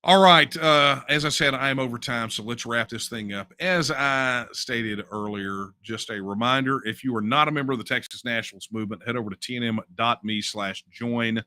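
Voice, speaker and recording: Middle-aged guy hosting a late night stream, punchy bright voice, dry close mic, lots of uh's and snarky comebacks. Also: medium pitch, normal speed, hardly any pauses, no room sound. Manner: wry, mocking asides, frequent "uh" fillers. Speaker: host. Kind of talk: casual livestream talk reading viewer messages.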